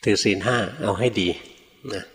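An older man, a Buddhist monk, giving a relaxed, folksy storytelling sermon, often ending phrases with a soft tag particle. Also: normal speed. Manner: relaxed, folksy, peppers speech with a soft tag particle, acts out quoted voices. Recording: long hall reverb.

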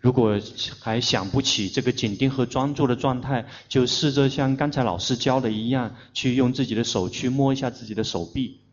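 Very slow-speaking male interpreter. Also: mid-range voice. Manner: deliberate, searching for words, fillers like "this". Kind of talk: consecutive interpreting of a dharma talk. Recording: dull lo-fi recording.

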